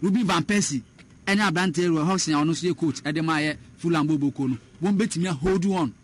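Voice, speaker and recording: Man, sports pundit, quick delivery, slightly high voice, code-switching chat. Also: slightly rough. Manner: mixes Twi and English, fillers and restarts. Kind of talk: radio sports discussion.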